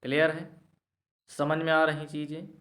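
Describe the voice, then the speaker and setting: A man's voice: a little high, level tone, moderate pace, a bit bright, roomy sound. A man teaching reasoning problems in a step-by-step classroom lecture, often checking whether the students follow. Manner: explains step by step, asks "clear?" to check understanding.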